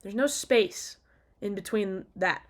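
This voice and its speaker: Speaking slowly in a medium-pitched voice, a woman video diarist rants casually and without a script, emphatic and full of opinions. Exasperation comes through, along with some casual swearing.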